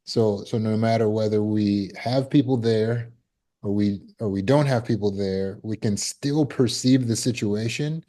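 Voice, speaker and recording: Mellow, lower-voiced man coaching. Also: a little slow. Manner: conversational, acts out scenes and quotes. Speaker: trauma recovery coach. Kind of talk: self-help talk.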